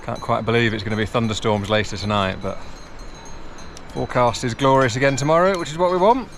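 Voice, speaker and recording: Male hiker vlogger, medium pitch, off-the-cuff trail updates, faint outdoor background noise. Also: brisk. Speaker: hiker filming a vlog. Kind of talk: casual unscripted talk to camera.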